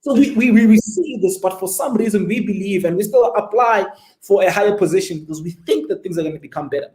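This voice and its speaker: A man in his twenties tells his story as an interview guest, with a fairly high voice. He speaks emphatically and keeps throwing rhetorical questions at the listener. The room around him rings with echo. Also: expressive, fast, darkish tone. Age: 20s. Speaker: guest entrepreneur.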